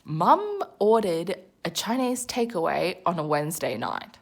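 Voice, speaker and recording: A young man chuckles with glee as he delivers gossip, voiced by a woman retelling the call. The voice stays close to her own, just a touch higher and brighter. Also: sing-song, measured pace, vocal fry, full character voice. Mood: gloating. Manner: gleeful, chuckling.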